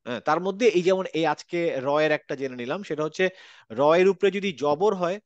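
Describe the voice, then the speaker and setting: A man's voice: on the high side, a little fast, no echo, highs cut off. A man teaching Quran letter pronunciation in an online class, patiently repeating each sound. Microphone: video call.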